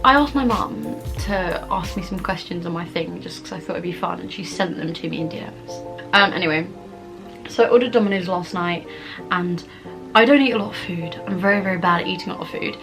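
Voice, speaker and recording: A woman's voice: on the low side, a little fast, vocal fry, over music. A young adult woman with a southern English accent chats casually in a rambling, informal mukbang vlog. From England, Kent. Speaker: vlogger answering viewer questions.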